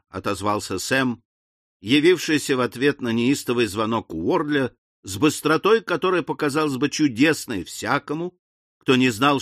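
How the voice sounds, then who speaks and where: A man narrating an audiobook in a lively, expressive reading. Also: mid-range voice, no room sound, clean studio sound. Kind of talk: scripted narration.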